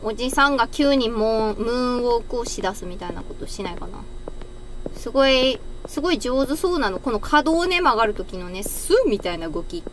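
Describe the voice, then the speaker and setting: A woman's voice: on the high side, expressive, fairly quick. A woman with a Kagoshima accent giving chatty live-stream commentary on a horror game, nervously repeating her words. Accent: Kagoshima, Japan. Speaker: streamer, video game player. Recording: clearly noisy stream audio.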